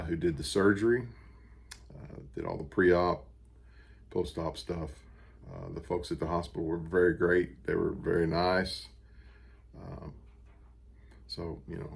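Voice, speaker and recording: An American man giving a casual personal video update, talking in a plain, unhurried and somewhat halting way. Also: deep voice, creaky, breathy edge. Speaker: vlogger recovering from surgery. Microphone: camera on a stand with ring light.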